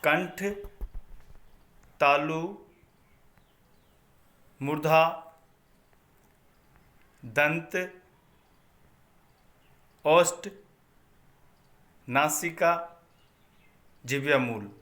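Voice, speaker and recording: A man gives a Sanskrit pronunciation lesson at a very slow, measured pace. His voice sits a little high and sounds bright and forceful. He chants the grammar rules and says each one twice. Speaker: Sanskrit teacher. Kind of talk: slow recited phonetics lesson.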